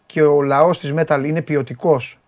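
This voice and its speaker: Emphatic higher-voiced male radio host. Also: little pitch movement, a little mellow. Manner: emphatic, repeats phrases for stress. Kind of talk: casual radio chat.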